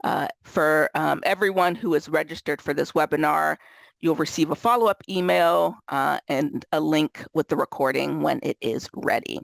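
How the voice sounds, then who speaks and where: Stuffy-nosed woman running a webinar intro, gravelly edges, dry close sound, lots of ums. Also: low voice, moderate pace, dry recording. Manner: casual, many fillers. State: nasal from a cold. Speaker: webinar moderator. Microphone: video call.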